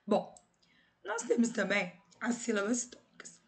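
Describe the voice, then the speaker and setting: A woman's voice: a little high, sing-song, unhurried. A woman with a Brazilian Portuguese accent teaches a recorded grammar lesson. She explains patiently, step by step, and checks in with her students through short tag questions.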